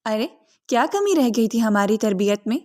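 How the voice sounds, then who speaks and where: A woman's voice: fairly high pitch, sing-song, a little mellow. A woman voicing an angry, heartbroken mother scolding her daughter. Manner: scolding, reproachful.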